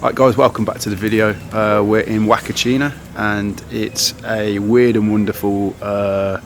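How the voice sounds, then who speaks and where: A young travel vlogger with a fairly low, gravelly voice talks casually to a handheld camera outdoors in towns and on the road, rambling with lots of fillers. His delivery is flat and a little slow, and the outdoor camera audio carries noise.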